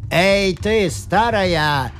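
A man voicing a boastful, bullying demon strongman who bellows in slow, drawn-out words. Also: high voice, pitched above the performer's own voice. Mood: shouting, angry. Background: faint music.

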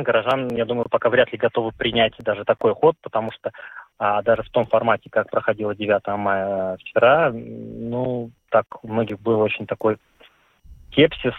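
A man's voice: medium pitch, dry recording. A male radio correspondent giving a live news report by phone, hesitant and full of fillers. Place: city in eastern Latvia. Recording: tinny phone line.

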